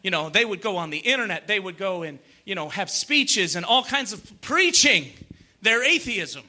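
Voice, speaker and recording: A man's voice: sits high, very animated, normal speed, bright, forceful tone. A man preaching a sermon in a conversational way, full of emphatic rhetorical questions and repeated phrases.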